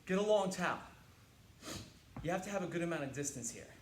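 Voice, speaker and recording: High-voiced male trainer in an echoey room. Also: fast, slight background noise. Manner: energetic and joking, counting reps and grunting through efforts. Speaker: fitness trainer. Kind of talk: workout instruction, demonstrating exercises. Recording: echoey room, mic at a distance.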